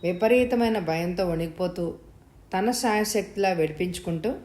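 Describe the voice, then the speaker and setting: A woman narrating a novel episode in a calm, even storytelling manner. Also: on the low side, normal speed. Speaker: audiobook narrator. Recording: roomy echo.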